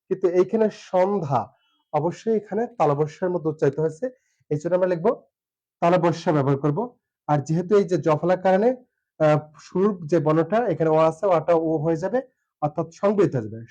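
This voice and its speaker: A man with a Bangladeshi Bengali accent, teaching an online pronunciation lesson. He talks hesitantly, with many filler sounds, and spells out syllables slowly. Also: on the high side, dark tone, lo-fi sound.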